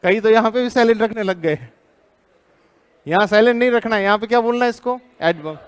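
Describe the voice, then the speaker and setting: High-voiced Indian man teaching a class. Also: fairly quick, smooth. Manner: drills the class with repeated questions; firm, teasing teacher. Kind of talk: live class lecture.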